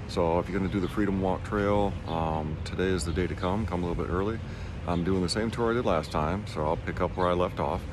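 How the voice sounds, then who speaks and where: A middle-aged man chatting casually to his phone camera as a vlogger, in low-key, halting short phrases. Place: outdoors in a city park. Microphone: phone at arm's length. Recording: phone recording with outdoor city noise.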